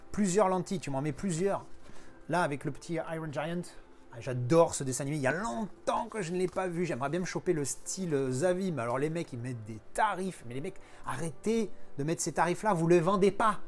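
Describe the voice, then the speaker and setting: A man giving casual, enthusiastic commentary while he unboxes a collector's edition. He exclaims and swears often as he talks. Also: medium pitch.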